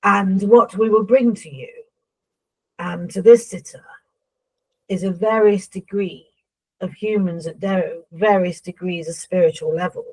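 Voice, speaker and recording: A woman speaking as a seance medium in trance, voicing a solemn, instructive spirit guide who addresses humans, with a husky voice. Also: medium pitch, fairly even intonation, a little slow, rough recording.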